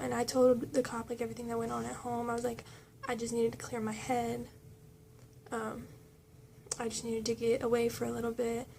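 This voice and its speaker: A woman's voice: fairly high pitch, vocal fry, darkish tone, slight background noise. A young woman telling a personal story in a casual storytime vlog, chatty and full of fillers as she quotes others. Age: young adult. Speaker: vlogger.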